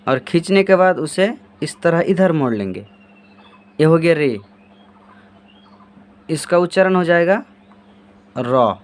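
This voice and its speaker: Male teacher, slightly high voice, patient step-by-step demo, answers his own questions. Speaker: Urdu handwriting teacher. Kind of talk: step-by-step writing lesson.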